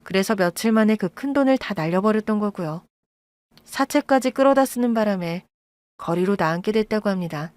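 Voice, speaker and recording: A woman calmly narrating a first-person family story in a measured storytelling voice. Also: medium pitch, no room sound.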